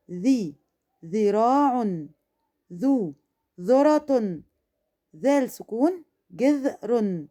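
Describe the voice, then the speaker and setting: A woman with an Egyptian accent teaching an Arabic alphabet lesson to first graders, saying each word slowly and then repeating it. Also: medium pitch, warm tone. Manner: slow, exaggerated pronunciation and repeating each word. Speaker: primary school Arabic teacher. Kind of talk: recorded lesson for young children.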